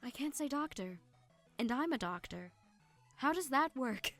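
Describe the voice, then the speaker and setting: Woman voice actor, outtakes, giggly, lively pitch, a little high. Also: unhurried, soft background music. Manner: giggly, laughs at her own flubs. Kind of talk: casual recording-session outtakes.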